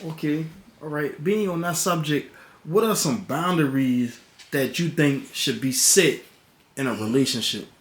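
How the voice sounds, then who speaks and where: A man hosting a podcast, asking his guest interview questions in a quiet, measured way. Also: fairly high pitch, roomy sound.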